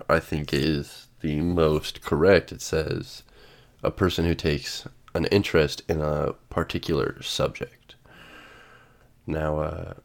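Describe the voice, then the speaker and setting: Rumbling low and creaky, a man hosts a solo podcast from home over coffee, stuffed up with a cold. He muses out loud and reads definitions, leaning on many fillers.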